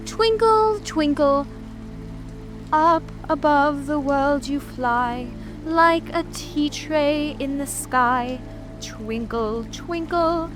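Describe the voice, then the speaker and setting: A woman's voice: high voice, extremely slow, music in the background. A woman playing a grumbling, mournful and whimsical tea-party eccentric in a dramatic audiobook, theatrical and singsong. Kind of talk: full-cast dramatic audiobook reading.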